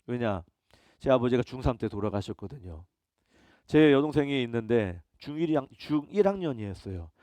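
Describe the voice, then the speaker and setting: A man's voice: medium pitch, sing-song, moderate pace, warm tone, no room sound. A middle-aged male pastor preaching a sermon, emphatic, often asking his listeners rhetorical questions.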